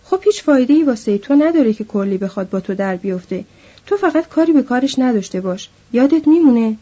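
A woman's voice: a little high, expressive, dark tone, slightly rough. A woman voicing a stern, protective man warning his companion, in a dull lo-fi recording. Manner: stern, firm.

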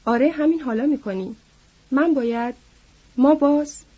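A woman voicing a weary, protective grown man who reassures his friend softly, reading aloud in a storybook. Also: sits high, lightly acted. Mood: tender. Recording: dull lo-fi recording.

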